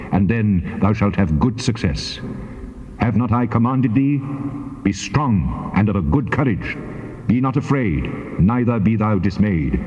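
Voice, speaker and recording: An actor playing the Lord God in a dramatized scripture reading, solemn, measured and commanding. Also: male voice, on the low side, a little mellow. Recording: muffled, long cavernous reverb.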